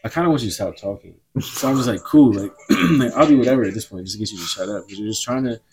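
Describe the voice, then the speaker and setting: A man's voice: fairly low pitch, fast, low-quality recording. A young man co-hosting a casual podcast chat, telling work stories and acting out customers in quotes. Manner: animated storytelling, acts out customers in quotes. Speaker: podcast co-host.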